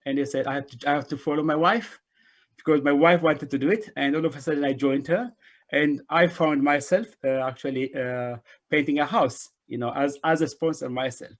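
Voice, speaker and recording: A middle-aged man, director of a refugee organization and an invited speaker, gives a conference presentation by remote video call from a small indoor room. His voice is a little high and brisk, and he repeats words and phrases to drive his points home.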